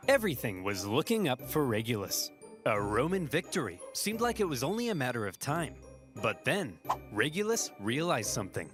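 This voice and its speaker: A man's voice: mid-range voice, very animated, normal speed, over music. A man giving a scripted, comedic narration of history, as the narrator of a video.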